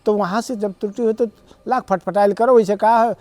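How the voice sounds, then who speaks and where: A man's voice: high voice, steady tone, fairly quick, darkish tone, dry recording. A man with an Awadhi accent, a guest in a TV interview, arguing his points earnestly in long rambling explanations. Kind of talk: conversational interview.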